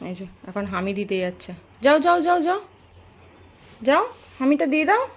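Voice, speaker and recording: A higher-voiced woman talks to a small child at home. She coaxes and repeats herself in a playful, pleading way. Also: very animated, fairly quick. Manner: coaxing, repetitive. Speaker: mother filming her child. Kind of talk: coaxing baby talk.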